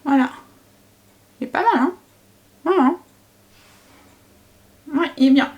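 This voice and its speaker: A woman's voice: high-pitched, takes it slowly, a little mellow, highs cut off. A woman vlogger and mother, chatting casually through a makeup tutorial, narrating each step with little interjections and often correcting herself mid-sentence. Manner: self-correcting, trails off and restarts often.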